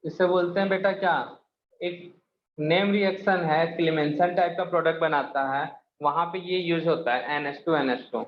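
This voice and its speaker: Male chemistry teacher, slightly high voice, quizzes the class; echoey room, dull lo-fi sound. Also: fairly even intonation, moderate pace. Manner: quizzes students, calls them beta. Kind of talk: classroom lecture. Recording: echoey room, muffled, faint hiss.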